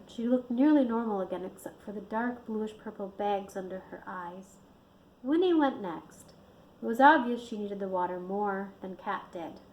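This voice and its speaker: Woman reading her own novel, steady storytelling, faint background noise. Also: mid-range voice, poor audio. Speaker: author reading her book. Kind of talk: audiobook narration.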